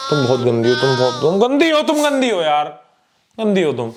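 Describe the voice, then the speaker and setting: A man's voice: a little high, very animated, a little fast. A young man hosting a prank video, playfully rambling and repeating himself as if dazed. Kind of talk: acting out a prank on camera. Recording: noisy background.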